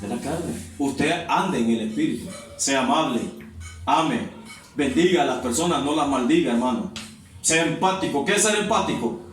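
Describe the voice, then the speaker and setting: A man's voice: mid-range voice, animated, normal speed. A male pastor, preaching a sermon and putting questions to the congregation. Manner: repeats "hermano" often, exhorting. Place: church hall. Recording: echoey church from far off, faint noise.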